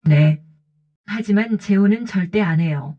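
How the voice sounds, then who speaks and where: A woman's voice: mid-range voice, unhurried. A woman voicing a cautious, lonely woman in her late fifties who talks in short, plain sentences, on a dull lo-fi recording. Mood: gentle. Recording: dull lo-fi audio.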